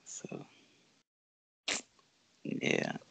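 A young woman talks very slowly, with no room sound, as a relaxed, easygoing podcast guest who laughs frequently. She is a professional basketball player originally from the Bahamas who grew up in Florida.

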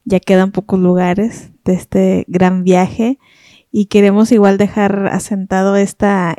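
Slow, mellow-voiced woman podcaster. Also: medium pitch, dry recording, clean studio sound. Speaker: podcast host and interviewer. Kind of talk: casual chat.

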